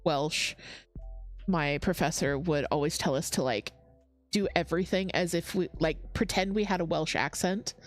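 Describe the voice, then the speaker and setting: A woman's voice: sits low, moderate pace, no echo, faint music behind. A woman hosting a crafting livestream, chatting casually, reading chat comments aloud and laughing often. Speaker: livestream host.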